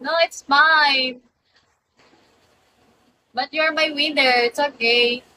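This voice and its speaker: A woman's voice: sits high, steady tone, drawn-out words, pushed and bright, a little hiss or hum, rough recording. Giggly young woman live-streaming. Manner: giggly, mixes English and Filipino. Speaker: livestream host. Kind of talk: casual live-stream chat.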